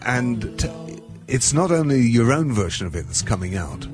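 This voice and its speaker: A man's voice: mid-range voice, big pitch swings, normal speed. A man hosting a radio show, introducing and interviewing guests in a conversational way from a studio. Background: music.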